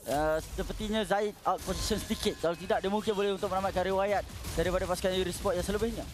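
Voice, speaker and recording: High-voiced Malaysian man, esports commentator. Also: steady tone, very fast, background noise. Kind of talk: live game commentary and analysis.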